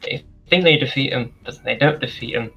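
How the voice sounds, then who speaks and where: A man's voice: mid-range voice, brisk, vocal fry, bright, forceful tone, husky, lo-fi sound. A man co-hosting a casual podcast, laid-back and chiming in with corrections. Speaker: podcast co-host. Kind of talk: casual chat.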